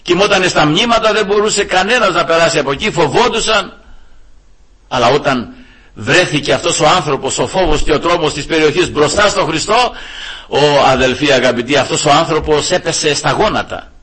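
Husky, forceful male preacher. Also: a little high. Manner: emphatic, keeps addressing the brethren. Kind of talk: sermon.

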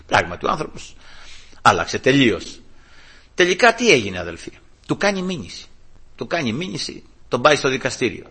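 Male preacher, lively storytelling sermon, forceful husky voice. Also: mid-range voice, pauses often. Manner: storytelling, exclaims praise and quotes scripture.

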